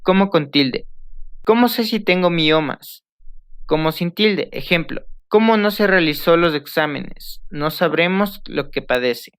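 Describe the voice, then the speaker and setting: A young man from Ecuador reads through spelling rules and example sentences, now and then tripping over a word and repeating it. His voice sits fairly high, and the recording is dry and close. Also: animated, a little slow, a bit bright, clear, resonant tone, no room sound. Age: young adult. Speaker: student. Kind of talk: reading a spelling lesson aloud.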